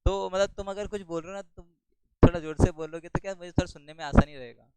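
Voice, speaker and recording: Loud high-voiced male teacher. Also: quick pace, smooth, dry recording, rough recording. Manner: loud teaching voice, asks questions and answers them himself. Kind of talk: classroom lecture. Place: classroom.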